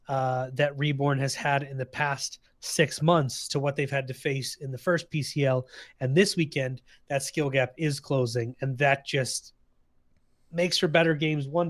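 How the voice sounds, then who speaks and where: A man co-casting a live esports final, hyping the match and teasing his partner between analysis. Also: medium pitch. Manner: hyped, teasing banter with co-caster. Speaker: esports caster.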